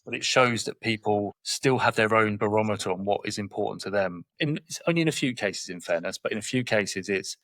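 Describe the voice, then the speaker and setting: A man in his forties with a southern English accent, guesting on a podcast. He talks quickly and directly, acting out little exchanges as he goes, in a low-ish voice. The sound is close and dry. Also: fairly bright tone, no room sound. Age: 40s. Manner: straight-talking, tells anecdotes with quoted dialogue. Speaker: guest, property investor. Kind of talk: podcast interview conversation.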